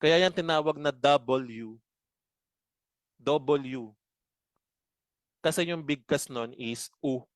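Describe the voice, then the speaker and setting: A man leads a Bible study at an unhurried, deliberate pace. His voice is clean and clear, with a dry, close sound and no room echo. He keeps checking in with his listeners through quick rhetorical questions. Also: a little high. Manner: slow, explanatory, asks rhetorical questions often.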